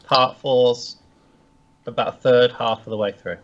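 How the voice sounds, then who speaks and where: A man joining a casual modelling live show over a call, speaking briskly and frankly in a slightly rushed way. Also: mid-range voice, steady tone. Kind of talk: casual live-stream chat. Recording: dull lo-fi call audio.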